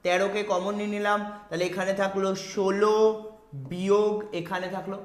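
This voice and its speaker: A man's voice: high voice, flat delivery, normal speed, echoey room, faint music behind. A man with a West Bengal Bengali accent teaching a live online math class, repeating each step and checking in with students. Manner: repeats steps, asks students "ঠিক আছে?"; reads out student chat questions.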